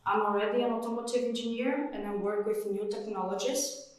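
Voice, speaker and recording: A woman's voice: on the high side, fairly even intonation, brisk. A woman in her thirties from Brazil, an automotive engineer, speaking matter-of-factly indoors. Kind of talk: testimonial interview. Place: indoor room with poster. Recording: very echoey room, distant mic.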